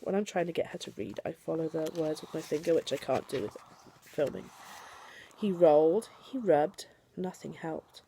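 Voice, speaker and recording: A young woman, a mother, reads picture books aloud to her little daughter, coaxing her gently between pages. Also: low-pitched, moderate pace, vocal fry, slight background noise. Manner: animated storytelling voice, coaxing and gentle with her child.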